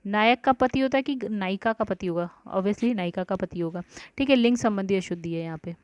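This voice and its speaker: A woman's voice: mid-range voice, a little fast, darkish tone, dry recording. A woman teaching an exam-prep grammar lesson, talking through each answer aloud with frequent check-in words. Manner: talks through answers aloud, often saying "ठीक है" and "guys". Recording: dry, dull lo-fi recording.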